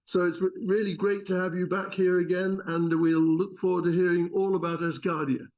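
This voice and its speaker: A man hosting an event, giving a polite, slightly halting formal introduction of a speaker. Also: high-pitched, flat delivery, darkish tone, lo-fi sound. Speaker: event host. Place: lecture room.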